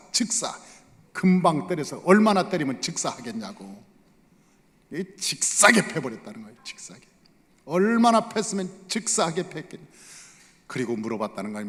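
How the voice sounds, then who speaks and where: A male pastor preaching a sermon, telling a story with dramatic swings from soft to loud. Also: medium pitch. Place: church sanctuary. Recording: long hall reverb.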